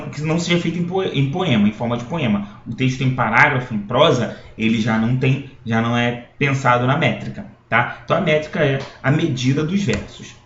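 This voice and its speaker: A man's voice: on the high side, a little hiss or hum. A man teaching a school poetry lesson, explaining step by step and often checking in with his students. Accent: Brazilian Portuguese. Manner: explanatory, with frequent checking tags and restarts. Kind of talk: recorded classroom lecture. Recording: echoey room, dull lo-fi sound.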